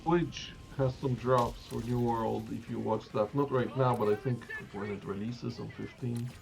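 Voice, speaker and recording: A man's voice: mid-range voice, fairly even intonation, normal speed, vocal fry. A man talking casually in a gaming chat.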